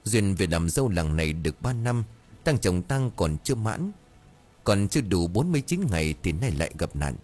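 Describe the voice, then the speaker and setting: A man's voice: sits low, big pitch swings, normal speed, darkish tone. A man narrating a dramatic audiobook story.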